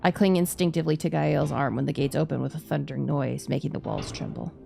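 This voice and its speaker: A woman's voice: low voice, fairly even intonation, quick pace, creaky, mellow. A woman streamer narrating game text dramatically, sometimes stumbling over hard words and repeating them. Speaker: streamer reading a visual novel aloud. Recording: music behind the voice.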